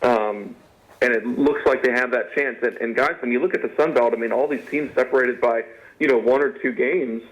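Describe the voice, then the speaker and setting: A man's voice: medium pitch, normal speed. A man talking casually about sports as a show guest, his speech slightly muffled as if from a swollen mouth. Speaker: sports editor and podcaster, guest. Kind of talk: casual sports interview talk. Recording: dull, band-limited radio-style sound.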